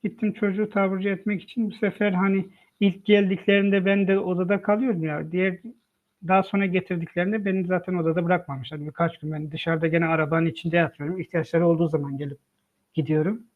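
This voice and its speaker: A man's voice: high-pitched, level tone, quick pace. A father telling of his family's hardship in an emotional personal testimony, retelling events by quoting what each person said. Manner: retells events by quoting dialogue, frequent "dedim" and "dedi" tags. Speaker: father of the child. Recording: tinny phone-like line from a live online broadcast.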